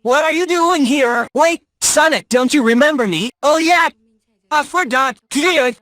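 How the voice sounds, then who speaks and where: A woman voicing an upbeat young male hedgehog hero with excited, bouncy exclamations. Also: sits high, measured pace, no echo, studio quality.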